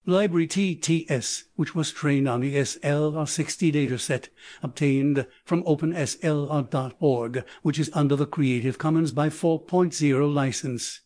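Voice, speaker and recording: A man's synthetic text-to-speech voice reading scripted audiobook narration in an even, measured way. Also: a little high, dry recording.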